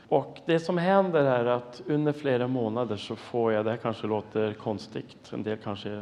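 A man in his fifties, a pastor, giving an earnest, emotional sermon testimony and dropping to a hushed voice for prayers. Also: medium pitch, big-room sound, slight background noise. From Norway and the United States.

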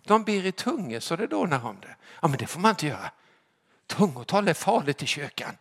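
Emphatic male preacher, higher-pitched voice. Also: sing-song, husky. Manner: emphatic, rhetorical, repeating "eller hur?"; shifts between loud calling out and quiet drops. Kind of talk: sermon.

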